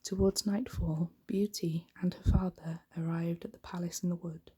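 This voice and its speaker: Reading a bedtime story ASMR-style, a woman speaks softly in a low, mellow, breathy voice that frequently drifts into a whisper. She takes her time, delivering it gently with fairly even intonation.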